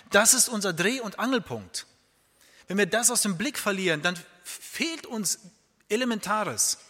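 A man's voice: high voice, pushed and bright, big-room sound. A man preaching a sermon in an earnest, emphatic way, repeating his key phrases.

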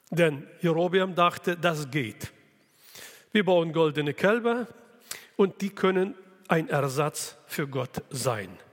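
Male preacher, slow and deliberate, slightly high voice, hall reverb. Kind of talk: sermon.

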